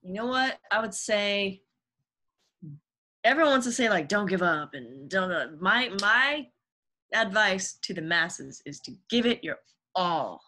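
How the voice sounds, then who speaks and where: A young woman speaks as a podcast guest in a bright, clear tone at an ordinary pitch. She talks casually but earnestly, and grows upbeat and encouraging when she gives advice. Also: big pitch swings, unhurried. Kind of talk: casual interview chat.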